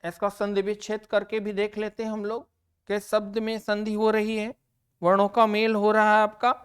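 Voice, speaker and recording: With a mid-range voice that is clear and resonant, a woman teacher delivers an exam-prep grammar lesson in a completely flat manner. She proceeds slowly and deliberately, repeating and stressing every answer word for the students.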